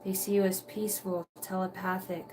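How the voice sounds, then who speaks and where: A woman's voice: medium pitch, flat delivery, a little fast, noisy background. Casual woman giving a rambling tarot reading. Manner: casual, rambling, many fillers and mild swearing. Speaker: tarot reader. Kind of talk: live tarot reading for viewers.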